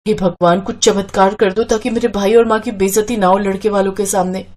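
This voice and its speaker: A woman voicing a hot-tempered, sharp-tongued young woman who scolds angrily in a cartoon. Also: mid-range voice, steady tone, fairly quick, lightly acted. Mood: worried. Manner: angry and scolding.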